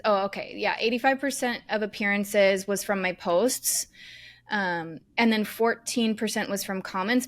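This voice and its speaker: A woman co-hosting a podcast, chatting casually and candidly with plenty of "like" and "um" fillers. Her voice sits at an average pitch for a woman. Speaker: podcast co-host. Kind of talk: casual chat.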